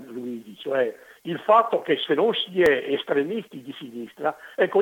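An older man phones in to a radio talk show. His voice sits a little high and sounds husky. It comes through a tinny, band-limited landline phone, and he talks haltingly with frequent fillers. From Venice area, Italy. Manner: hesitant, halting with many fillers. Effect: over a landline phone. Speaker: radio call-in caller. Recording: narrow tinny phone line.

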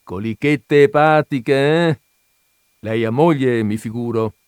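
A man's voice: mid-range voice, slow pace, a little mellow, smooth, dry recording, natural voice. A big, jovial braggart in his fifties spills his story in a chatty, confiding way, voiced by a man reading an audiobook. The sound is dry and close. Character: fat, jovial middle-aged man, garrulous and boastful.

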